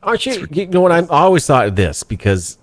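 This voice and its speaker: A man from Canada co-hosting a casual chat, rambling and joking with deadpan asides. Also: a little high, fast talker, dry recording, studio quality. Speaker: co-host.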